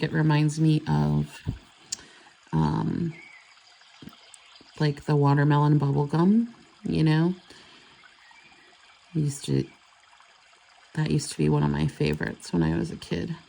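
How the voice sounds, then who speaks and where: A woman's voice: sits low, fairly even intonation, measured pace, creaky, long pauses, mellow. A woman chatting casually and rambling as she does her nails. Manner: chatty, rambling, self-correcting. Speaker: nail vlogger. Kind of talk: casual chat while doing nails.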